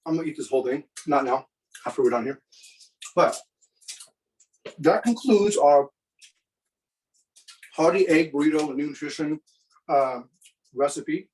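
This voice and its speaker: A man presenting a live cooking demonstration for students, in a relaxed, chatty way with many fillers. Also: fairly high pitch, normal speed, pauses often, distant mic, a little hiss or hum, low-quality recording.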